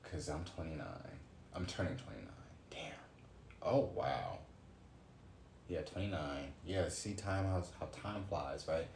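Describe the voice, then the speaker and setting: A twenty-something streamer reads cards live, ranting in a casual way, cursing and exclaiming as he thinks aloud. He has a creaky, slightly mellow bass voice with lively intonation and an unhurried pace. Slight background noise joins the echoey room's faint ambience.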